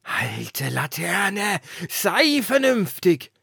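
A man voicing a blustering wind spirit in a storybook reading, speaking loud and drawn out, in a very dry recording. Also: high-pitched, sing-song, drawn-out words, vocal fry, slightly rough, no echo, voice pushed up, exaggerated voice. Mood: booming.

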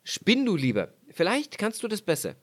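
A man voicing a gruff, poor husband from a fairy tale who scolds and gives orders. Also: sits high, huge pitch swings, normal speed, voice pushed up, full character voice. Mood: scolding. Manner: scolding, commanding.

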